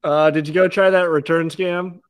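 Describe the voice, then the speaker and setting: A man co-hosting a casual podcast chat, telling animated, profane stories. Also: on the high side, moderate pace, smooth. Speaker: podcast co-host.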